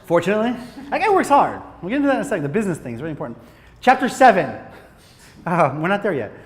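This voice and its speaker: A film director from Michigan, speaking with an American accent, gives a loose, jokey filmmaking talk to a live audience in a hot lecture room that sounds like a large hall. His high-sitting voice swings widely in pitch and moves very fast. He's animated, swears freely and keeps restarting sentences.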